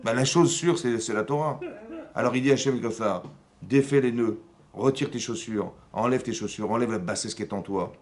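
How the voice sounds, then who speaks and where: A man with a French accent, a rabbi giving a lively Torah lesson in a synagogue, often asking his listeners questions and raising his voice to stress points. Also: moderate pace. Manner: animated, asks the audience questions, rises in pitch and loudness to stress points. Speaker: rabbi teaching a class.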